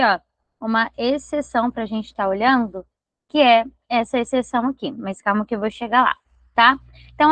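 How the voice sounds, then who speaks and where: Teacher, woman, fairly high voice, patient step-by-step explainer, dry close mic, slightly dull audio. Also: no echo. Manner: patient, explains step by step and checks understanding often. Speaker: Portuguese language teacher. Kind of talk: online grammar lesson.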